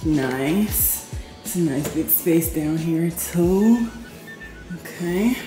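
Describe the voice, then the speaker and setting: Filming herself with a handheld camera, a woman vlogger gives a chatty, upbeat tour of her new, empty apartment, saying "boom" and "period" a lot. Her voice is expressive and extremely slow, echoing in the bare room with background music.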